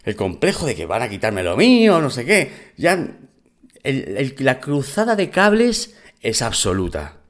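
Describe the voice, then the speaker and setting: A man with a Spain Spanish accent telling a personal story in casual, animated, profane talk. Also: medium pitch, unhurried.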